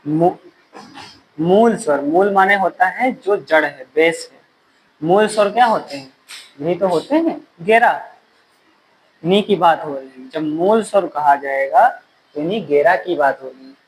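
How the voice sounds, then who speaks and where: A male teacher giving a classroom lecture, repeating key phrases slowly so students can write them down. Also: fairly high pitch, slight background noise, poor audio.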